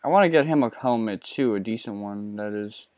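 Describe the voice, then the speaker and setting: Smooth-voiced, laid-back gaming host. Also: male voice, fairly low pitch, a little fast, a little mellow, dry recording. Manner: laid-back, profane and self-mocking. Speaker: let's play host. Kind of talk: casual gameplay commentary.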